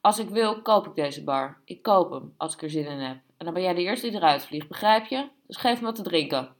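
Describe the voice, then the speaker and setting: A woman reading aloud, voicing a boastful, restless middle-aged man who swings between loud bragging and whispers. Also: on the low side, expressive, fairly quick. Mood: boasting.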